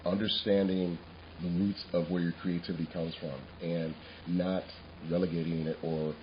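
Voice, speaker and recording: A man co-hosting a casual podcast chat, animated and laughing often, restarting his sentences as he goes. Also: low voice, moderate pace, muffled recording, a little hiss or hum. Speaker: podcast co-host.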